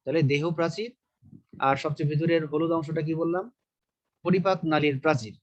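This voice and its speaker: A man's voice: on the high side, brisk. Male biology teacher, dull lo-fi sound. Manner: repeats key terms, asks and answers his own questions. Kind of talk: online lecture.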